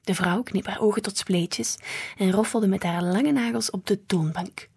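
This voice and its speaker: A woman reading a children's book aloud in a lively, expressive way. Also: mid-range voice, normal speed, gravelly, husky. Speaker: storybook reader.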